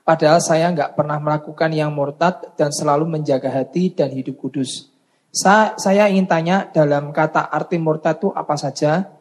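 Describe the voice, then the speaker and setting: A man's voice: fairly high pitch, fairly even intonation, normal speed. A man from the audience asking a question in a hesitant way, restarting his words.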